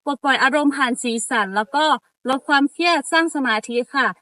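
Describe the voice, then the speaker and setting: Young female event host, brisk and bright, dry close sound. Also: high voice, dry recording. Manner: polite, with fillers while reading booth details. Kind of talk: scripted event announcing.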